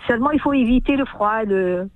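A woman's voice: a little high, brisk, no echo, phone-quality sound. A woman calling in to a radio show, chatting familiarly with the host and giving her advice. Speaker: radio caller. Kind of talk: casual call-in chat.

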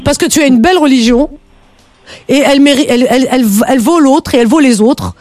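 A woman's voice: high voice, fast, a little mellow, dry recording. Radio host woman, chatty and emphatic, dry close studio sound. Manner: chatty, emphatic, frequent laughs. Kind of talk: casual call-in chat.

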